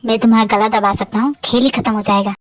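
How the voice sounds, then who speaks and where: Woman doing a male mafia king, menacing, commanding, lowered voice, Hindi fan dub. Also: fairly even intonation, fast talker, no room sound, close to an everyday voice.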